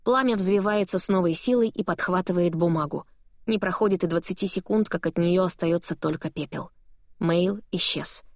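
A woman narrating a novel in first person with a lively, dramatic reading. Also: lowish voice, moderate pace, no echo, studio quality. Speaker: audiobook narrator.

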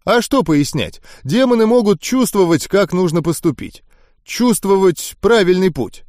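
A man's voice: sits high, animated, unhurried, darkish tone, dry recording, studio quality, pitched above the performer's own voice. A male narrator voicing a cheeky, defiant young man with a cocky manner.

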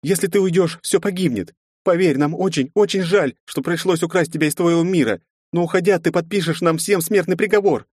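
A man's voice: on the high side, a little fast, darkish tone, dry recording, voice pushed up, natural voice. Man reading as a teary young woman begging, raised voice, dry sound. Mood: pleading. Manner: pleading, tearful. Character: tearful pleading young woman.

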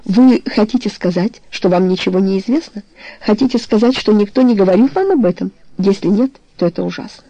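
Here is a tormented lover from an audiobook romance, voiced by the reader in their own register. He confesses in halting, pleading bursts, and his voice is gravelly and dark. It sits close and dry, with no room around it. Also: mid-range voice, dry recording, lightly acted, low-quality recording. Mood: stricken. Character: tormented married man confessing love.

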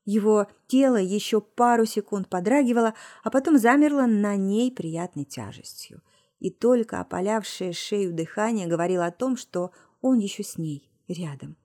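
A woman narrating a romance novel as an audiobook, in an intimate, expressive reading. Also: mid-range voice, moderate pace. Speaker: audiobook reader.

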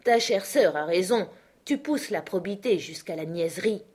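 Une lectrice qui fait parler un avocat fauché et narquois, ami de l'oncle. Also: female voice, fairly low pitch, animated, moderate pace, a little mellow, breathy edge. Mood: wry. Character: sly, penniless lawyer friend, a man.

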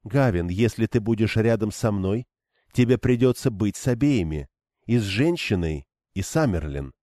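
A stern young woman of command speaks coldly and firmly, voiced by a man reading an audiobook. The voice sits low and dark, and every word is clipped. The recording is dry and close. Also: expressive, normal speed, no echo, lightly acted. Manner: cold, clipped and firm.

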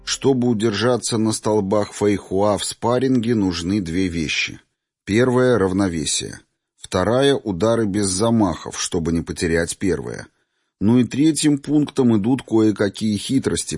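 A man narrates an audiobook in a measured, even storytelling style. His voice is lowish, and the recording is dry and studio quality.

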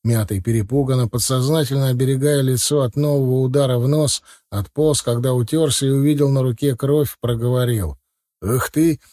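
A man reading a first-person audiobook in a steady, measured way. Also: medium pitch, no echo, studio quality. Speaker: audiobook narrator.

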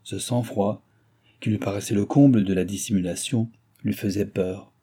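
A male audiobook narrator with a low, deeply dark voice and a husky grain. He reads a classic novel in a steady, measured storytelling manner.

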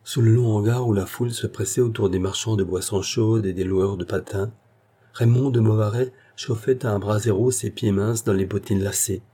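A man narrating a classic French novella in a measured literary reading. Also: fairly low pitch, steady tone, mellow, breathy edge.

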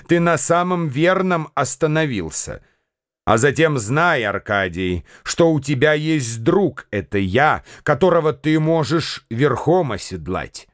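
A man's voice: on the high side, no echo, clean studio sound. A man doing a sly, sneering swindler. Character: scheming, mocking young male swindler. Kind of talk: radio drama reading.

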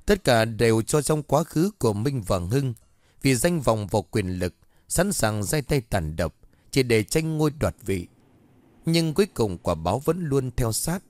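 A man narrating a scripted horror story in a measured, formal way. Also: medium pitch, darkish tone.

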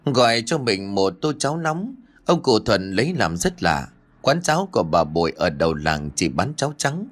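A man narrating a scripted horror story, telling it in a dramatic and animated way. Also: on the low side, moderate pace. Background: faint music.

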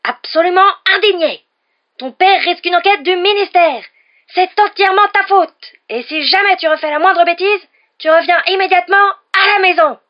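A woman voicing a furious mother who shrieks at her son in slow, piercing shouts. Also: extremely high pitch, muffled recording, pitched above the performer's own voice. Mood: furious shouting.

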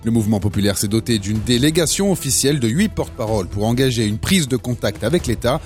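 A man presenting a two-minute news bulletin on student web radio, reading in a steady, formal way. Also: mid-range voice, quick pace, faint music behind.

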